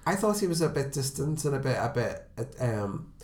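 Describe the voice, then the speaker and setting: A man's voice: mid-range voice, sing-song, normal speed, crowd noise. A man with a British accent chatting casually about a film as a podcast host, rambling with fillers and often laughing. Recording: roomy echo.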